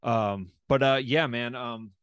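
A man's voice: mid-range voice, steady tone, slow pace, a bit bright, clean tone, no room sound, dull audio. A man hosting a podcast in casual chat, often restarting and repeating words, with loose swearing. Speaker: podcast host.

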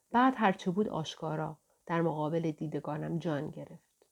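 A woman narrating a novel aloud in a steady, measured way, in the first person. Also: deep voice, vocal fry. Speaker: audiobook narrator.

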